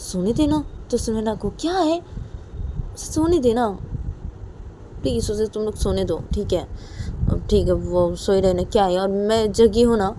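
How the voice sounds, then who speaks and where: A woman's voice: medium pitch, unhurried, noisy background, voice pushed up, natural voice. A woman voicing a young woman in a storybook romance, pleading with her cousins over and over. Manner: pleading, repetitive.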